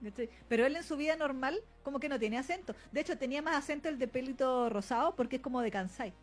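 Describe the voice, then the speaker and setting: A woman's voice: high-pitched, fast talker, faint music behind. Chilean woman explaining eagerly. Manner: explanatory, insistent. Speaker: podcast co-host. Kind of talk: casual anime review chat.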